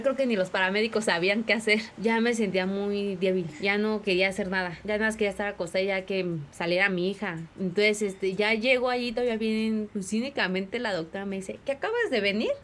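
A young Mexican woman with a Mexican accent, quietly and candidly telling her own story in an interview, with many fillers. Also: medium pitch, a little hiss or hum. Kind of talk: personal testimony.

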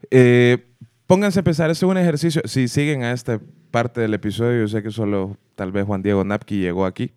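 A man's voice: mid-range voice, brisk, darkish tone, smooth, dry recording, studio quality. A man with a Central American Spanish accent co-hosting a casual podcast, speaking emphatically and addressing the listeners directly. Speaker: podcast co-host. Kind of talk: casual chat.

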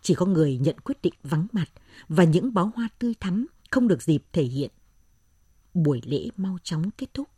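A woman's voice: on the low side, very animated, moderate pace, warm tone, breathy edge, dry recording. A woman radio announcer narrating a serial novel, reading out both the story and its dialogue. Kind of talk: scripted audiobook narration with dialogue.

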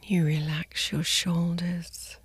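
A woman guiding a sleep meditation in a soft, soothing spa-like whisper, gently and in short, unhurried phrases. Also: lowish voice, flat delivery, slightly rough, dry recording. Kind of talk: guided sleep meditation narration.

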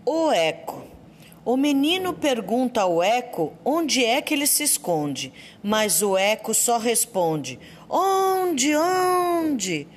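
A woman, a school library assistant, reading children's poems aloud in a storytelling way. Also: fairly high pitch. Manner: slow, lively storytelling reading.

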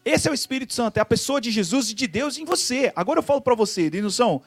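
Fast-talking high-voiced man. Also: slightly rough, no room sound, faint music behind. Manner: animated, preachy, says "cara" a lot. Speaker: podcast host. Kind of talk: casual religious talk.

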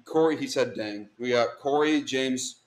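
A young man hosts a relaxed late-night podcast with his friends, his mid-pitched voice easygoing and teasing. He talks through a bout of the hiccups, keeping the chat loose and informal. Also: unhurried, echoey room. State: has the hiccups. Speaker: podcast host. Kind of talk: casual chat.

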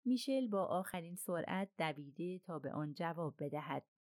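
Audiobook narrator, woman, steady novel reading, lowish voice, dry close sound. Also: no echo. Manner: steady storytelling delivery.

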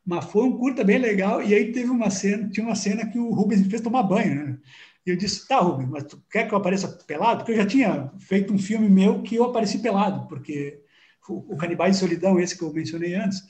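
Brazilian man, casual guest, high mellow voice, tripping over restarts, echoey room. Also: fast talker. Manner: rambling, repeats words, animated storytelling. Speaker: guest filmmaker. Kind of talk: casual interview chat.

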